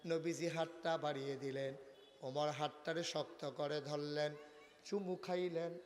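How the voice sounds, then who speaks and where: A man preaching a sermon at an open-air religious gathering. He tells the story in a hushed voice, then rises to shouted appeals to the crowd. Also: a little high, fairly even intonation, unhurried, big-room sound. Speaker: Islamic preacher.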